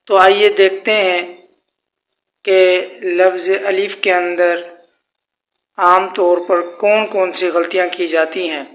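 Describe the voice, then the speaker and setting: High-voiced man teaching tajweed, echoey room. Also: flat delivery, a bit bright, a little hiss or hum. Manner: slow, formal address with drawn-out demonstrated letters. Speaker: Quran recitation teacher. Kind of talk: tajweed pronunciation lesson.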